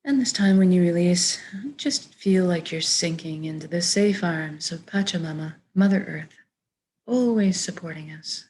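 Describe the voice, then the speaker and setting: A woman leads a meditation in a slightly low voice, gentle and measured, giving soothing instructions in soft phrases that trail off.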